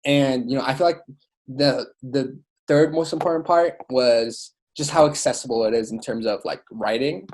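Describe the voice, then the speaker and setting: A darkish, mid-range male voice moves at a moderate pace. The speaker, a young man born in Iraq who works as a student author and educator, talks informally and with enthusiasm as a podcast guest, his casual interview talk full of "like" and "you know."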